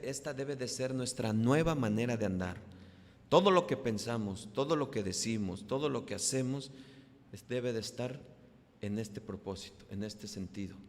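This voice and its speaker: A man with a Mexican accent preaching a sermon as pastor, often asking the congregation rhetorical questions, his voice swinging from soft to loud. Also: fairly low pitch, a little hiss or hum. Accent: Mexican Spanish. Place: church hall. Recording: long hall reverb.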